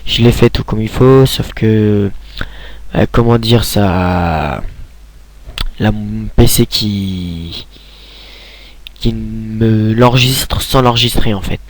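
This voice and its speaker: A man's voice: on the low side, slow pace, pauses often. A young man giving a casual screen tutorial, rambling with many hesitations and restarts, talking into a computer mic at home.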